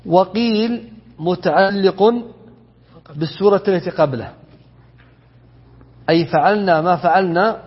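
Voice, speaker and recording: A husky man teaches a lesson on Quran commentary. He explains step by step, asks his students questions and corrects himself mid-word. His voice rings through a large hall on a dull, lo-fi recording. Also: sits high. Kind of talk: classroom tafsir lesson. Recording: dull lo-fi sound with long hall reverb.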